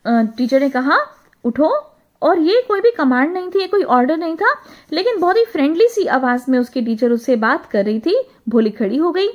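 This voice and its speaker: High-voiced woman teacher retelling a story. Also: expressive. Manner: reads English lines slowly, then retells them in Hindi; frequent hesitation fillers. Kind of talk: reading a story aloud and explaining it.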